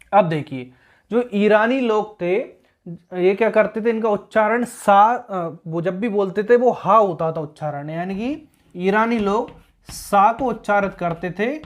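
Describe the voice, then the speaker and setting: A man teaching an exam-prep grammar lesson, patient and explanatory, repeating key points with many check-ins to the viewer. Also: high-pitched.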